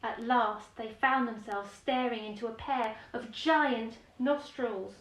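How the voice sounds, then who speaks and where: Reading a children's picture book aloud, this female storyteller speaks slowly in a voice on the high side. Her bedtime-story delivery is expressive, full of chatty asides and questions aimed at little ones, captured on a far-off mic with noticeable room echo.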